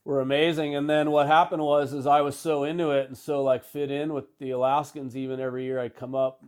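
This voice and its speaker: A man's voice: medium pitch, little pitch movement, a little fast, clean tone. A middle-aged man, a podcast guest, telling rambling, laid-back stories with fillers and the odd swear word. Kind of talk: casual storytelling.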